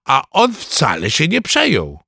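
A man reading a children's story aloud in a lively first-person boy narrator's manner. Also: a little high, measured pace, vocal fry, husky, dry recording, studio quality. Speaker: audiobook narrator.

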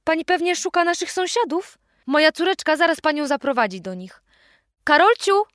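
A woman voicing a busy, flustered mother in a storybook reading, hurried and fretful. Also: high voice, lively intonation, a bit bright, no echo, clean studio sound.

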